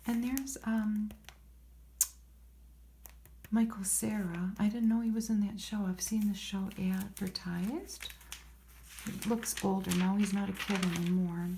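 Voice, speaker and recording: Woman, soft voice, ASMR reading, hushed and whispery, dark mellow tone, slow pace, murmured asides. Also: medium pitch, fairly even intonation, vocal fry, a little hiss or hum, low-quality recording. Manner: unhurried, murmuring, rambling asides to herself. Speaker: ASMR host. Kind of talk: soft-spoken ASMR magazine read-through with casual commentary.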